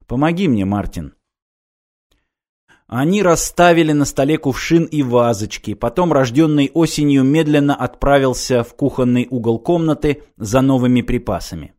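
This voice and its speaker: A man reading a science fiction audiobook in a steady, measured narration. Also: mid-range voice. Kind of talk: scripted narration.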